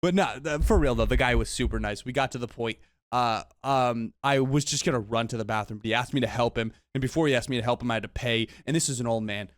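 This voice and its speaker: A man's voice: mid-range voice, fast, few pauses, no echo, studio quality. A young man telling a storytime vlog, exasperated and rambling, repeating words and using slang. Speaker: vlogger.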